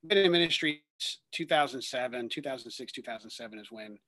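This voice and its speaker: A man's voice: medium pitch, fast talker, sharp tone, dry recording. A man in his thirties, a ministry worker and guest, talking earnestly in a rambling way with many fillers and restarts. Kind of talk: conversational testimony.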